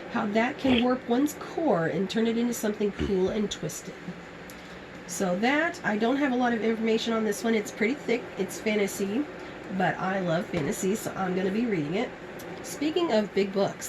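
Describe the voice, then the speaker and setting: A woman's voice: on the high side, noisy background. A woman giving an enthusiastic, casual book haul review, chatting and reading blurbs aloud in a somewhat strained voice. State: strained voice, as she apologizes for it.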